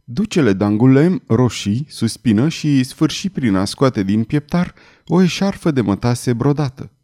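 A man reading a historical adventure novel aloud in an expressive, dramatic style. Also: medium pitch. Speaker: audiobook narrator. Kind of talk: scripted narration.

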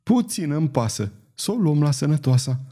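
A man's voice: fairly high pitch, sing-song, mellow. A man reading an audiobook, voicing a timid, lovesick man who speaks sheepishly and stammers. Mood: nervous.

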